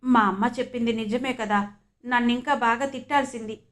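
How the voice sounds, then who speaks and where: A woman's voice: fairly high pitch, fairly even intonation, moderate pace, close to an everyday voice. A woman voicing an earnest young wife who apologizes with regret, in an audiobook reading. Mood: remorseful.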